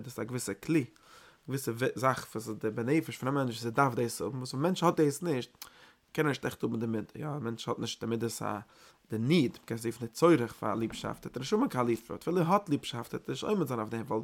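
A man's voice: medium pitch, creaky. A man giving a Torah lecture, talking in emphatic bursts and circling back over his phrases with small hesitations. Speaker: Torah teacher.

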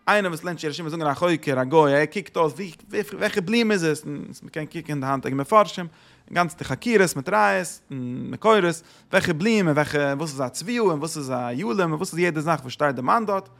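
A man teaches religious texts in a slightly raised, gravelly voice. He often searches for words and restarts phrases, and his voice leaps upward whenever he stresses a point. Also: on the high side, expressive, brisk, fairly bright tone.

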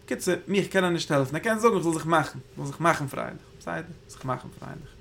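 Gravelly-voiced man teaching Torah in Yiddish. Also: a little high, lively intonation, fast, fairly bright tone, slight background noise. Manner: rambling, thinking aloud, Hebrew terms woven in. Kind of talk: Yiddish Torah class on the Zohar.

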